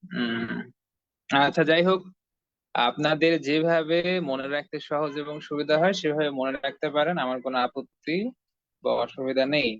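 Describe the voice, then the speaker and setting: Man teaching quran letters, patient, repetitive drilling, fairly high voice, dry dull lo-fi sound. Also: a bit bright, no room sound. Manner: patient, repeats phrases, drills syllables slowly. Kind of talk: online Arabic letter lesson.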